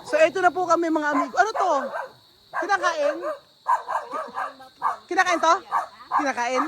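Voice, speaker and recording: A woman with a high voice runs a casual travel vlog out in the countryside. She exclaims and speaks straight to her viewers, loud with excitement. The outdoor phone recording carries clear background noise. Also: moderate pace. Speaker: vlogger.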